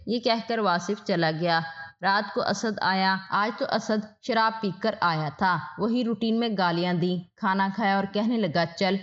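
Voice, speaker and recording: A woman storyteller giving a steady, scripted narration of a moral tale. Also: mid-range voice. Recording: dull lo-fi audio.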